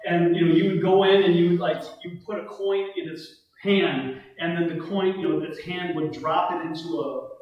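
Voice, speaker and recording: A man's voice: on the high side, steady tone, moderate pace, hardly any pauses, highs cut off. A man leading a casual Bible study lecture in a church room, talking conversationally and often checking in with his listeners. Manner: conversational, keeps asking "right?" of the group. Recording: very echoey room, mic far off.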